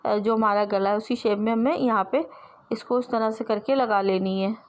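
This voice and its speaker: A woman's voice: fairly high pitch, fairly even intonation, normal speed. A woman teaching sewing step by step, explaining patiently and repeating herself as she works with her hands.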